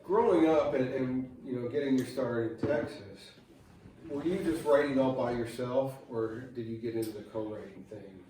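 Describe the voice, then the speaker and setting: A man's voice: medium pitch, normal speed, over music. Guy interviewing a singer, friendly, voice bouncing around a big echoey room, mic far off. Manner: friendly, encouraging, finishes the guest's thoughts. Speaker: interviewer host. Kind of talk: casual interview.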